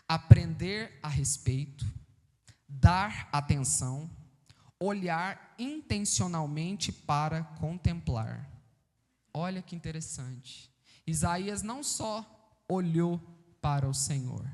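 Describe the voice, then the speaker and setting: A man with a Brazilian accent preaching a sermon, explaining a passage and asking the congregation questions. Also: fairly high pitch. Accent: Brazilian Portuguese. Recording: reverberant church hall.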